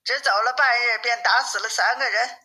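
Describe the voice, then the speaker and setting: A woman's voice: on the high side, fairly even intonation, moderate pace, pushed and bright, poor audio. A woman doing a snide pig disciple. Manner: snide, sour insinuation. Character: sly, sneering male pig disciple.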